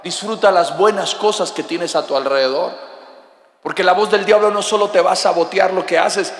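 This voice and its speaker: A man preaching a sermon, animated, sometimes shouting and joking with the congregation. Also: sits high. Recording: echoey hall with long reverb.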